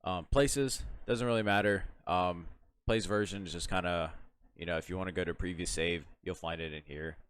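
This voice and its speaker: A young man giving a casual, rambling software tutorial, full of fillers and restarts and yawning now and then. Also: low voice, normal speed, clear, resonant tone. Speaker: tutorial host.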